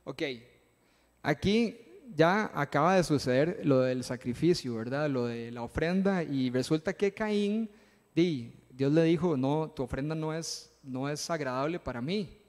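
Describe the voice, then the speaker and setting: High-voiced man preaching in a reverberant church. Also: a little slow, darkish tone. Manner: casual, acts out Bible figures in slang. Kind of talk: conversational sermon. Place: church hall.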